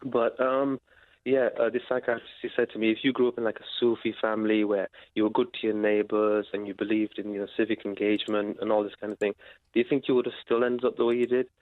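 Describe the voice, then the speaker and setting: A man calling in to a radio show, speaking haltingly with many fillers and pauses. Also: lowish voice, flat delivery, dry recording. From Britain. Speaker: caller. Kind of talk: phone-in radio call. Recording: tinny phone line.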